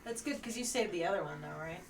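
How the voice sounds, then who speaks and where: A woman's voice: on the low side, expressive, fast talker. A woman chatting casually as a player in a tabletop game. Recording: roomy, distant mic, loud music behind.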